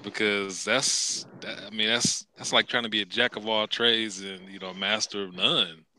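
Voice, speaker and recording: A man's voice: fairly low pitch, steady tone, normal speed, sharp tone, slight background noise, poor audio. A man on a round table panel, speaking hesitantly with repeated words and a chuckle. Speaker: panel guest. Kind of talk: casual round table chat.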